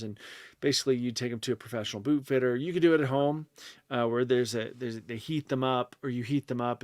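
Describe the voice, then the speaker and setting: A man's voice: mid-range voice, no room sound. A man talks through a casual podcast chat in a mid-range voice, recorded dry and close with no room behind him. He explains at length, circling back with fillers and restarts. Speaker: podcast co-host.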